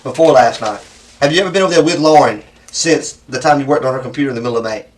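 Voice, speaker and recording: Southern cop guy doing an interrogation, talks fast, kinda folksy, keeps pushing, mic is far off. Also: mid-range voice, a little hiss or hum. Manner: persistent, probing, folksy, repeats answers back as questions. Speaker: police interrogator. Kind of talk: conversational police interrogation.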